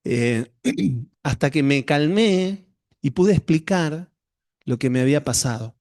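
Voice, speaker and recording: Pastor telling a testimony. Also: male voice, a little high, lively intonation, slow, a little mellow, no echo, clean studio sound. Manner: conversational storytelling, addresses the congregation directly. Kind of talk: sermon with a personal testimony.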